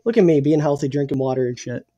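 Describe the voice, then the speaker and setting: A young man co-hosting a casual sports podcast, opinionated and swearing freely, a little hoarse and clearing his throat. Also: medium pitch, quick pace, mellow, dull audio. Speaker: podcast co-host.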